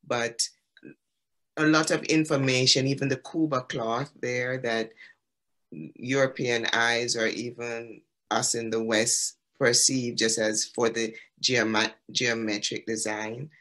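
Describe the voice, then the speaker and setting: A man from the Caribbean speaks as an exhibiting artist in an online gallery talk. His voice is bright and forward, and he explains things in a loose, storytelling way, pausing on ums. The sound comes through a video call. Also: mid-range voice, level tone.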